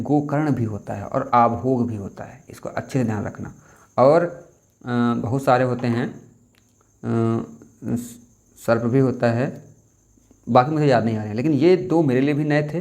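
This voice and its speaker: A man's voice: medium pitch, darkish tone. A young man tutoring Hindi spelling for an exam, talking casually and repeating key words with reminders to remember them. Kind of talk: casual exam-prep lesson.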